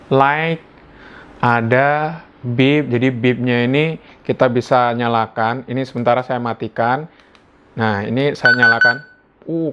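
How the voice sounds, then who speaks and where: An Indonesian product reviewer gives a casual, hands-on gadget review at home indoors, talking informally as though thinking aloud. His voice is medium-pitched, smooth and fairly bright, and the recording sounds dull and lo-fi.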